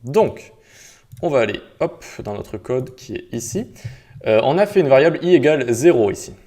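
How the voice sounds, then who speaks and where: A man's voice: mid-range voice, very animated, moderate pace, dark tone. A man walking viewers through a coding tutorial step by step, in a casual explaining manner with little sound words as he clicks. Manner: casual, explains step by step, peppers speech with 'tac' and 'hop'. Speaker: web development instructor. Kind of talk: screen-recorded coding tutorial.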